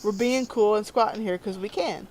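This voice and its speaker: A woman's voice: mid-range voice, normal speed, a little mellow, a little hiss or hum, rough recording. Questioning woman player at a game table. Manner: quizzical, keeps asking questions. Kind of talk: casual tabletop game chat.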